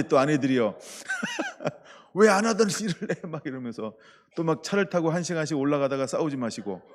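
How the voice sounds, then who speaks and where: A male pastor preaching a sermon in a playful, lively way, asking the congregation questions and acting out little quotes. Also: mid-range voice, big-room sound. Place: church.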